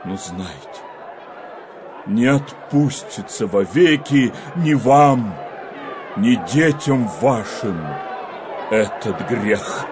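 An actor playing a stern, righteous elder who solemnly denounces a stubborn nation in declaimed verse drama. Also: male voice, medium pitch, lively intonation, extremely slow, crowd noise, background noise. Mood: grave warning.

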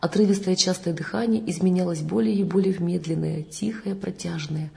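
A woman reading a memoir passage aloud in a measured, deliberate manner. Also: on the low side, fairly even intonation, vocal fry, dark tone.

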